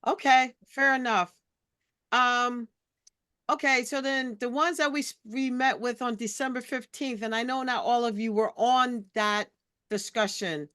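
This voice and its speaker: Smooth-voiced woman leading a meeting. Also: on the high side, steady tone, unhurried, bright, forceful tone, no room sound, studio quality. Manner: recaps matter-of-factly, loose and conversational. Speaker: committee meeting leader. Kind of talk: community board meeting discussion. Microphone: video call.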